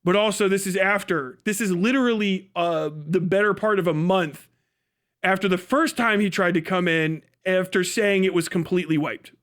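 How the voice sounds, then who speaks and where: A livestream host with a very high, bright male voice offers casual live commentary at normal speed. He's sarcastic and mocking, swears freely, and turns giggly and excitable as he reacts.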